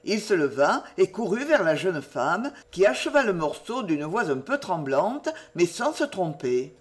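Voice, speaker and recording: Expressive woman reading a novel aloud. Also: fairly low pitch, measured pace. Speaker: narrator. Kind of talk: storybook narration.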